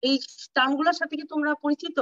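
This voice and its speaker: High-voiced woman lecturing over a call. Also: fairly even intonation, fairly bright tone, no echo. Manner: explains terms slowly, mixing English terms, checks understanding. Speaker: medical lecturer. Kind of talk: online clinical class lecture. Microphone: video call. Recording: distant, dull lo-fi audio, dry.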